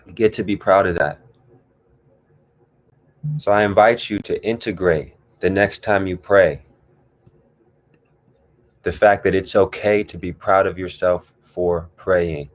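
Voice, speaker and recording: A man with a very low voice leads a guided discussion, speaking slowly in a calm, reflective way. He lets long pauses and sighs sit between his thoughts. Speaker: host leading a guided discussion. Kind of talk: slow meditative guided talk.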